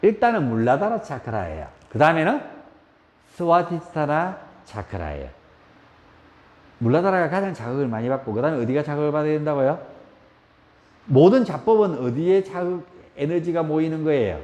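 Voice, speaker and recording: Lively Gyeongsang-accented man teaching yoga. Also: a little high, brisk. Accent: Gyeongsang Korean. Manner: lively, asks the class questions, acts out shouts. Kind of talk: spoken yoga lecture. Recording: roomy hall echo.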